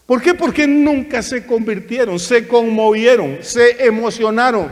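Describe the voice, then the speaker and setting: A male pastor preaching a sermon, animated and theatrical, often acting out the voices of churchgoers and preachers. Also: very high-pitched, unhurried, long reverb tail.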